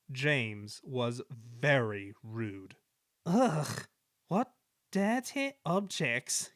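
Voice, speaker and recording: A man giving an expressive reading of a children's story. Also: mid-range voice, no echo, clean studio sound. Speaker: storybook reader. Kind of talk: scripted narration of a children's story.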